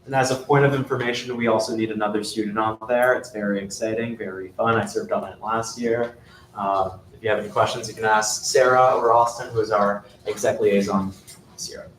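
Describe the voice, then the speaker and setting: A young man chairing a student meeting, moving briskly through the agenda with formal phrases. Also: lowish voice, fairly even intonation, a bit bright. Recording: echoey hall, far mic, faint noise.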